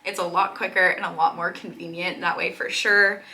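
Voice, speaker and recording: A woman's voice: lowish voice, level tone, normal speed, a loud crowd, low-quality recording. A woman hosting a casual product review in a chatty, upbeat way. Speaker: product reviewer and video host.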